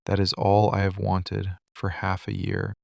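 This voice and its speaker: In an intimate boyfriend ASMR roleplay, a man heavily acts a low, gravelly mafia boss who is possessive and lovesick, delivering a weary confession. He speaks in short, deliberate phrases with weary intensity, staying monotone and barely leaving one note, in clean studio sound with no room sound.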